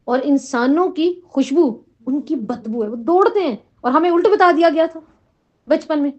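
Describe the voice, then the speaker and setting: A woman's voice: high-pitched, animated. A middle-aged woman teaching a Quran lesson to a class, often asking questions and checking in with "right?". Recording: dull lo-fi recording.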